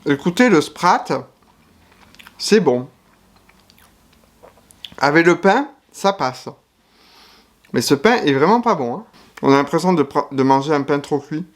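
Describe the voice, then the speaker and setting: A man's voice: on the high side, lively intonation, unhurried, pauses often. Chatty man giving food-tasting verdicts. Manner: chatty, frank verdicts, talks while chewing. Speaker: YouTuber tasting foreign food. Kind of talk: casual food-tasting commentary.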